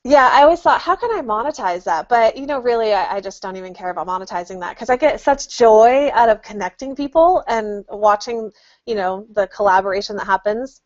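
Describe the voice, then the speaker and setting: A woman's voice: medium pitch, fairly quick, no echo, dull audio. Chatty upbeat woman on a video call. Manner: upbeat, chatty, says "you know" a lot. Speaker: guest, affiliate marketer. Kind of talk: casual video call interview.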